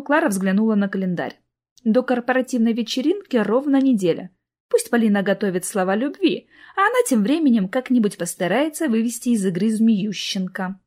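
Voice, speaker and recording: A woman narrating a novel in an even storytelling manner. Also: a little high. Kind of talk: audiobook narration.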